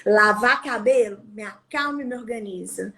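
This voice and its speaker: A woman's voice: fairly high pitch, moderate pace, bright, forceful tone, slight background noise. A Brazilian woman occupational therapist in casual conversation, explaining and acting out examples. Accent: Brazilian Portuguese. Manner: demonstrative, acts out examples.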